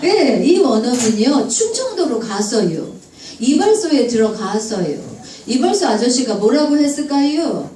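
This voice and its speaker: A woman giving a lively public English lecture, asking the audience questions and acting out dialect jokes. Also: fairly high pitch, a little slow. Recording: echoey room, distant mic, faint room noise.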